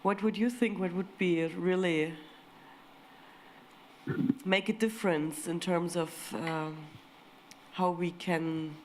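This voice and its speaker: Female meeting moderator, slightly low voice, informal and unscripted, some room noise behind her. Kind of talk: informal moderating of a conference discussion.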